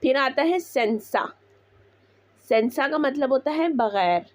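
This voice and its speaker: A woman teaching Italian words, repeating each one slowly before explaining it. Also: sits high, lively intonation, no echo. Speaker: language teacher. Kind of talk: slow Italian vocabulary lesson.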